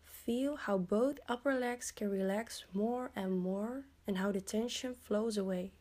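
Woman, relaxation guide; unhurried, mellow, soothing delivery. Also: medium pitch. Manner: slow, soothing, instructional. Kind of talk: guided progressive muscle relaxation.

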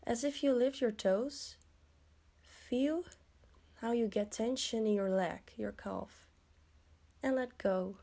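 Woman, relaxation guide; unhurried, mellow, soothing delivery. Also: on the high side, vocal fry. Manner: slow, soothing, instructional. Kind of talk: guided progressive muscle relaxation.

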